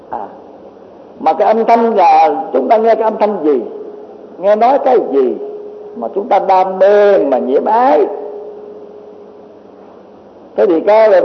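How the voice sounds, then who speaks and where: High-voiced monk lecturing in an echoey hall. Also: male voice. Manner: rhetorical questions, many repeated filler words; addresses listeners as a teacher. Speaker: Buddhist monk teaching. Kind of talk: Buddhist doctrine lecture. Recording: echoey hall, dull lo-fi with faint hiss.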